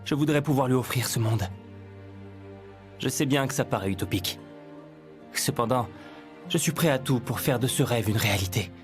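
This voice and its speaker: A man voicing a calm, shrewd hero who hates conflict, in an anime dub. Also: medium pitch, normal speed, long pauses, soft background music, close to an everyday voice. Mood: earnest. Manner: calm, sly, reasoning. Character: shrewd, peace-loving husband who is a hero.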